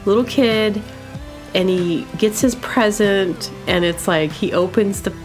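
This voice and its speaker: A woman chats on her comedy podcast, rambling from one thought to the next with plenty of fillers. Her voice sits at an everyday middle pitch and lights up as she slips into impressions. Faint music plays softly behind her. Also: measured pace. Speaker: podcast host. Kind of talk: casual comedic chat.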